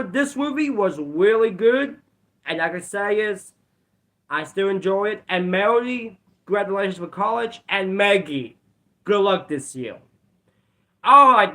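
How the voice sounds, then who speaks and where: A man with a high, bright voice chats through a casual episode review vlog. His pitch swings widely as he rambles and repeats himself, stopping now and then to cough. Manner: rambling, repeats "let's be honest". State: bouts of coughing. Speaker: video reviewer.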